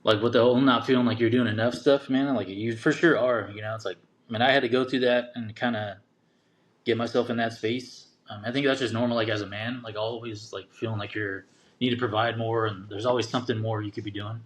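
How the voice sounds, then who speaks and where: A man's voice: mid-range voice, steady tone, fast. A man who is a guest on a podcast, chatting casually in laid-back slang. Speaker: guest father. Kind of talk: casual interview chat.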